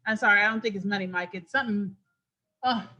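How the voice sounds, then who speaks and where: A woman hosting an impassioned political talk, emphatic and preachy, with quick asides. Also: mid-range voice, pushed and bright, highs cut off. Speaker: host and political commentator.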